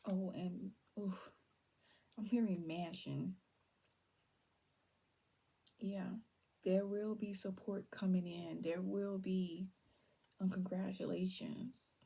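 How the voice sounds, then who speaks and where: A young woman talks viewers through a tarot spread in an unhurried, hushed way, often dropping into soft whispers. Her voice is deeply breathy and husky, with a gravelly rasp at the ends of phrases and a mellow, dark tone. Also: steady tone. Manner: drifts between low talk and soft whispers, trails off; holds her voice down on purpose. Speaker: tarot reader. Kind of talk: casual tarot reading to viewers.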